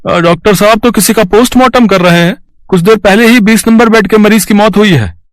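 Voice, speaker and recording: A man's voice: high voice, a little fast, dry recording, voice pushed up, close to an everyday voice. A nervous, hesitant male hospital attendant from a storybook drama speaks in a strained voice pushed far above its usual register, as a man puts him on. The sound is close and dry. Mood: flustered.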